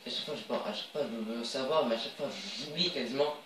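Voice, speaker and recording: A man's voice: medium pitch, very fast, roomy sound, distant mic, slight background noise, poor audio. Chatty man commenting his own gameplay. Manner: chatty, excitable, cheers on his players. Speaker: video game player.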